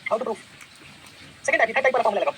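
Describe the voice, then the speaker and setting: Brisk, bright-voiced male math teacher. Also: very high-pitched, slight background noise, low-quality recording. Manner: lively, quizzing students with repeated questions. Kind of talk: classroom lecture, mixing Hindi and English.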